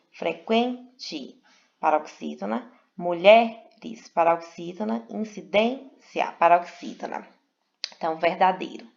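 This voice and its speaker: A woman's voice: fairly low pitch, creaky. A woman teaching a grammar lesson, patiently spelling out syllables and checking in with "né?". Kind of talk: explanatory lesson. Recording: dull lo-fi recording.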